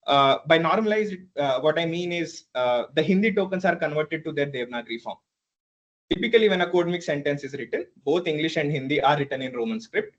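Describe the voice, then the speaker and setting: A man's voice: fairly high pitch, lively intonation. Hesitant man defending a thesis, dull audio. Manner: hesitant and halting, with frequent stumbles, repeats and throat clearing. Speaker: PhD candidate.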